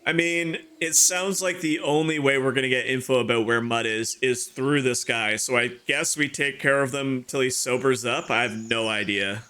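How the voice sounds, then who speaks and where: Bright-voiced man chatting through a playthrough. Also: medium pitch, normal speed, few pauses, smooth. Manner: chatty, exclaims and thinks aloud. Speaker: gaming playthrough host. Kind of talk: casual game commentary.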